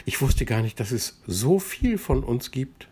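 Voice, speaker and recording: A man's voice: medium pitch, very animated, a little slow, a little mellow, breathy edge, pitched above the performer's own voice, heavily acted. A man voicing a small, curious young male water drop in a bedtime story, eager and at times whispering. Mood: wondering. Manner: wondering, eager, sometimes whispering.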